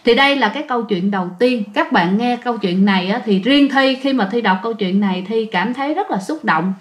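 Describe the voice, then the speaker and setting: A woman's voice: mid-range voice, lo-fi sound. A woman with a Southern Vietnamese accent telling a ghost story in a chatty, casual way, often addressing her listeners.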